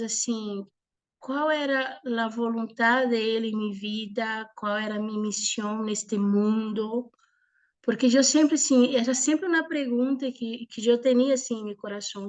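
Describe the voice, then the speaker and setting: A Brazilian woman in her forties, a native Portuguese speaker, gives an informal religious testimony in a halting mix of Portuguese and Spanish. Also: fairly high pitch. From southern Brazil. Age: 40s. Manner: hesitant, halting, with frequent pauses. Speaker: speaker giving a personal testimony.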